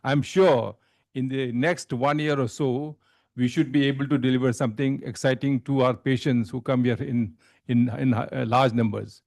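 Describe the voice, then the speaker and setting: A man with an Indian accent making a formal welcome speech at a conference, halting and repeating phrases. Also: mid-range voice, fairly even intonation, a little mellow. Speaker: hospital executive giving remarks at a medical conference.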